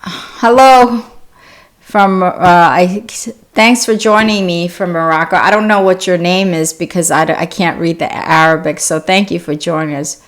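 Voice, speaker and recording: A woman with a fairly low voice hosts a wellness live stream, chatting in a loose, unscripted way. She greets viewers, answers their questions and often restarts her sentences. She was born in South Korea. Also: fairly even intonation, a little slow. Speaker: wellness channel host. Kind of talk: casual live-stream chat.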